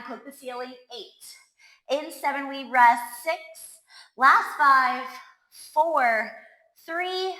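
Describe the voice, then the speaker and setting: An upbeat woman leads a pilates class, counting down reps with cheers. Her voice is bright and forceful, set fairly high and paced slowly. The sound carries the echo of a room. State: winded. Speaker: pilates instructor. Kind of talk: workout class cueing.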